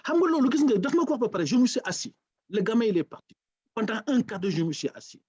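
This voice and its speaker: A man from Senegal with a Senegalese accent, a lecturer speaking as a talk-show guest and telling stories with animated, acted-out dialogue. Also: sits high, quick pace, breathy edge, no echo, lo-fi sound. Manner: animated storyteller, acts out quoted dialogue. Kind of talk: casual talk-show conversation.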